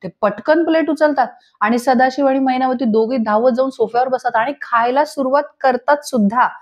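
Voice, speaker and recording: A young woman retelling a TV serial episode in a lively storytelling manner, voicing each character herself. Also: sits high, a little fast, muffled recording. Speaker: serial episode recap narrator.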